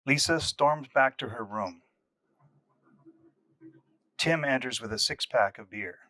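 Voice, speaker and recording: A man's voice: mid-range voice, slow pace, pushed and bright, no room sound, low-quality recording. Matter-of-fact male narrator, dry sound. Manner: plain, matter-of-fact reading. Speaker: narrator reading stage directions. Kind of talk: scripted narration.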